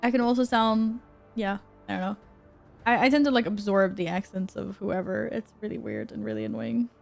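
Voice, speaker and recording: A woman's voice: mid-range voice, normal speed, gravelly, soft background music. A young woman from Sweden, chatting casually with her stream viewers from her apartment, reading their messages aloud and laughing often. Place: apartment room at home.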